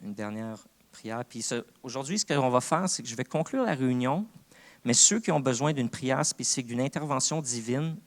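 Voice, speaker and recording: A man's voice: medium pitch, lively intonation, moderate pace. A man with a Québécois French accent, preaching a sermon as co-pastor in an earnest, conversational way. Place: church.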